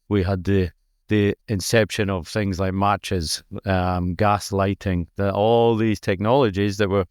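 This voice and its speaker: A Scottish man with a low, clean voice is a podcast guest explaining history through conversational storytelling with many fillers. The audio is studio quality with no room sound, and the setting is a conference exhibition booth.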